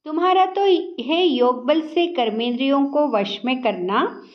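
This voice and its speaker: A woman slowly reading a spiritual discourse aloud in a measured, instructive way. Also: high-pitched, muffled recording. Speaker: scripture reader.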